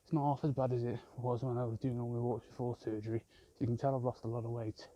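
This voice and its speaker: A man's voice: medium pitch, little pitch movement, fast, dark tone, highs cut off. A man rambling and swearing constantly as he films a vlog on a walk outdoors in a park with his phone. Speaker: vlogger. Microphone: handheld phone camera.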